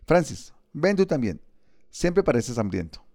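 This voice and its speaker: A man reading a storybook, voicing a gentle, polite, pious schoolboy. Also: mid-range voice, big pitch swings, unhurried, no echo, studio quality, voice pushed up.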